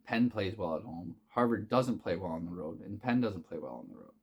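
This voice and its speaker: Casual male sports bettor, lowish voice, loose and profane, filler-heavy delivery. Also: animated, fairly quick, breathy edge, muffled recording. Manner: rambling, profane, many fillers and restarts. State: hiccuping. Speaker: sports betting picks host. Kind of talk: casual unscripted sports betting talk.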